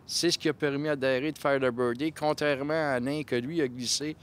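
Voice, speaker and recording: A man's voice: medium pitch, fairly even intonation, fairly quick, slight background noise. A man with a Quebec French accent giving analytical live colour commentary on mini-putt, explaining shots and scores.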